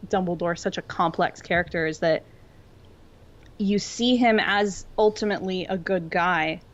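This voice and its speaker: Speaking at a measured pace, a podcast co-host with a fairly low voice chats casually about fiction. She thinks out loud in relaxed, sincere, considered language over a dull lo-fi recording.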